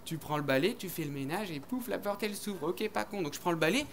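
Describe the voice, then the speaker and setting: A man's voice: sits high, animated, quick pace, vocal fry, a bit bright, slight background noise. A man doing stand-up comedy on stage, telling a rambling, crude story full of slang and acted-out voices. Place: comedy stage before an audience.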